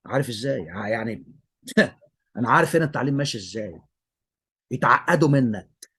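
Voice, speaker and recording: A man's voice: mid-range voice, expressive, brisk, pushed and bright, slightly rough. A man with an Egyptian Arabic accent, an English teacher giving emphatic commentary and repeating his praise of a student.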